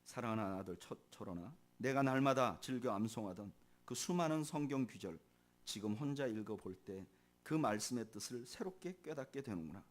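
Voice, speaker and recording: A male pastor giving a sermon, reading a tender, grieving letter to his late son, his voice softening and sinking at the ends of phrases. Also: medium pitch, animated, a little fast.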